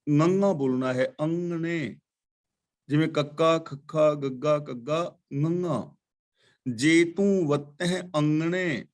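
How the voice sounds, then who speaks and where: Patient man explaining scripture. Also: on the high side. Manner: chants verses slowly, then explains word by word; patient, corrects pronunciation. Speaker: katha teacher.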